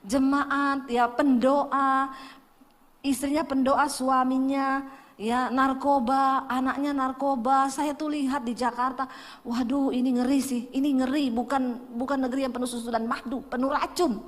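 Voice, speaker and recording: A woman's voice: high voice, little pitch movement, measured pace, in a large hall. A woman pastor preaching a sermon, telling humorous stories and addressing the congregation directly.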